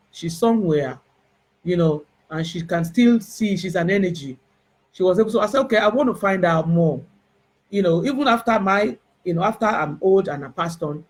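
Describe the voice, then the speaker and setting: A Nigerian woman with a Yoruba accent, who works as a spiritual herbalist, recounts a personal spiritual testimony in a mid-range voice. She is emotional and halting, stopping to restart and using many fillers.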